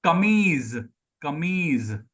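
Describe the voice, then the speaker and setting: Speaking very slowly but with great animation, a Hindi teacher, probably middle-aged, explains and questions pupils by name during a live online group lesson, repeating words for them. His voice is fairly high and fairly bright, with an Indian accent, and Sindhi is his mother tongue.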